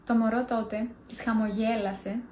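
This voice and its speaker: A woman's voice: fairly high pitch, level tone, a little mellow, echoey room, a little hiss or hum. A young woman in a casual vlog, chatty and self-mocking as she tells scary stories. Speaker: vlogger.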